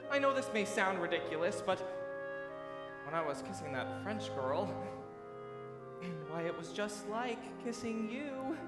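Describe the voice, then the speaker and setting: Give me an actor playing an earnest young groom, with music behind and hall reverb. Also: male voice, sits high, expressive, measured pace. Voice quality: earnest, pleading. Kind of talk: stage musical acting. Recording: echoey theatre hall with music.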